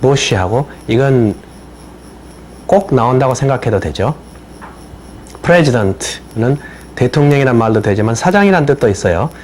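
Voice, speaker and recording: An older man, an attorney and native Korean speaker, giving a slow explanatory lecture on citizenship English and spelling words out letter by letter. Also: mid-range voice, lively intonation, a little mellow, slight background noise. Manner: spells words letter by letter, repeats phrases slowly.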